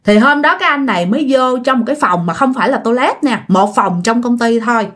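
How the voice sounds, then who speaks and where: A woman with a Southern Vietnamese accent tells ghost stories in a relaxed, conversational way. Her voice sits fairly high and moves up and down in a lively manner. She often speaks straight to her listeners as she goes. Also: brisk. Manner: chatty, addresses listeners directly. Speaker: storyteller. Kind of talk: casual ghost-story narration.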